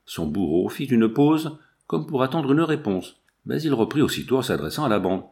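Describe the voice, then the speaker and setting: A man reading a novel aloud as an audiobook narrator, in steady, measured storytelling. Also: mid-range voice. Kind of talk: scripted narration.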